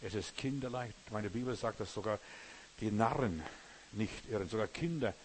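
A man's voice: fairly low pitch, moderate pace, slight background noise. A man preaching a sermon. He speaks straight to the listener and builds his points from repeated, parallel phrases.

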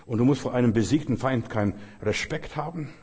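A man's voice: medium pitch, brisk, a little mellow, breathy edge, big-room sound. A man preaching a sermon with emphasis, repeating his phrases and quoting scripture. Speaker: pastor.

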